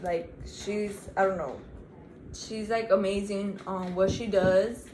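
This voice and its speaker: A young woman of nineteen talks slowly and easily in a relaxed Q&A vlog, often turning to the viewers as "guys". Her voice rings around an echoey room with a faint hum of ambience underneath. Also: mid-range voice. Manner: chatty, keeps addressing viewers as "guys". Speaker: vlog co-host. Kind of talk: casual Q&A vlog chat.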